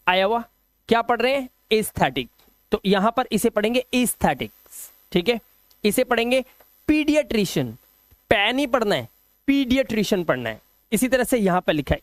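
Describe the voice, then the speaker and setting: A man teaching pronunciation rules as a lesson. He drills words slowly, asks the students questions and answers them himself, with homely teasing asides. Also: sits high, no room sound, studio quality. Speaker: English teacher.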